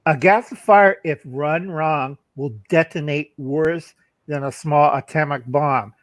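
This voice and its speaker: A man's voice: a little high, fairly even intonation, slow pace, dry recording. A man co-hosting a livestream, blunt and folksy, telling stories over a video call. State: coughing. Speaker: livestream co-host. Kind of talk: casual livestream chat.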